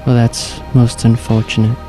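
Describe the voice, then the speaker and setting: A man's voice: mid-range voice, monotone, normal speed, music in the background, lightly acted. A man voicing a tiny, ancient female moon elf spirit in a small, wispy, wistful pixie-like manner. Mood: forlorn.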